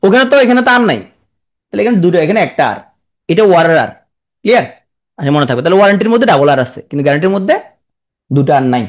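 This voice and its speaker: Syllable-stretching spelling teacher, lively pitch. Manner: spells words out slowly, stretching each syllable; coaching, asks quick check-in questions. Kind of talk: classroom spelling lesson. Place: live class with students.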